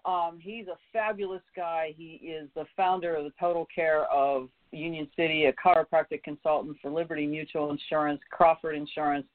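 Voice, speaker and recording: A man hosting a call-in radio show in a chatty, upbeat way, pausing with ums and restarting phrases. His voice sits a bit high for a man. It comes through a tinny, dry phone line. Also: level tone, no room sound. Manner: chatty, filler-heavy, upbeat.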